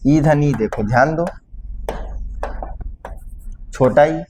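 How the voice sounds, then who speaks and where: A male teacher from Chhattisgarh lecturing a class on grammar, speaking to students fondly and checking often whether they understood, drawing vowel sounds out slowly. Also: a little high, background noise. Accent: Chhattisgarh Hindi.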